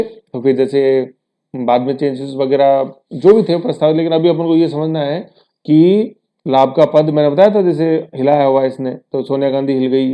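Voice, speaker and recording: A man's voice: on the high side, mellow. A man teaching an exam-prep lesson in a conversational way, with rhetorical asides to his students and English terms mixed in.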